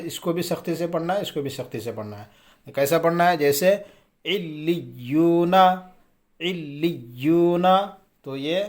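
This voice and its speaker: A man teaching Quran reading in a casual, patient way. He asks questions and answers them himself, and he draws out the example words slowly. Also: mid-range voice. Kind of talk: casual spoken lesson.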